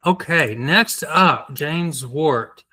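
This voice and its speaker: Bright-voiced man hosting a reading. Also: a little high, expressive, very slow. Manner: friendly, brief prompts and thanks. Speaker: host of a publisher's book launch.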